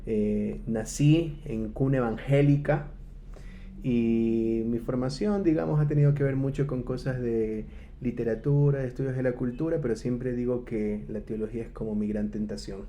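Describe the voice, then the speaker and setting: A man from coastal Ecuador speaking as a podcast guest, calm and reflective. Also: mid-range voice, moderate pace, muffled recording, slight background noise. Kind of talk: podcast conversation.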